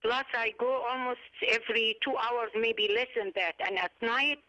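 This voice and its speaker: A woman's voice: on the high side, slow, sharp tone. A woman in her sixties calling a TV show by phone, mixing Arabic and English as she asks her question. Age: 60s. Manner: switches between Arabic and English mid-sentence. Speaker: caller. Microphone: telephone. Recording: dull phone line.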